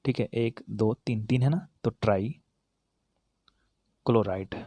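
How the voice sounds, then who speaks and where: Speaking slowly in a low, dark voice with a breathy edge, this man teaches students chemistry, explaining as he writes. He talks straight to them, answers his own questions and fixes his mistakes as he goes. The recording is dry.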